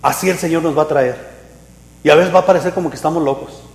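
A man, a pastor preaching a sermon, animated and swinging between loud and hushed. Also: fairly high pitch, fast, gravelly. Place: church hall. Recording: echoey hall reverb.

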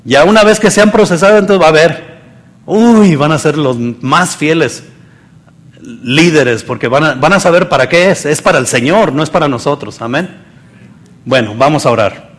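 A man preaching a sermon, swinging between loud emphasis and soft asides and acting out the people he quotes. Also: fairly high pitch, moderate pace.

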